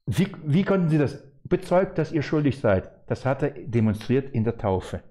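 Guy preaching a sermon, warm mellow voice, lively and emphatic, keeps throwing questions at the crowd. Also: medium pitch, normal speed. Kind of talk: sermon, Bible exposition.

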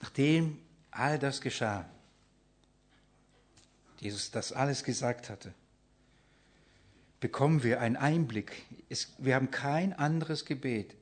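A man preaching, asking the congregation questions and answering them himself, swinging between loud emphasis and hushed near-whispers. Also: mid-range voice, breathy edge. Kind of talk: sermon with Bible reading.

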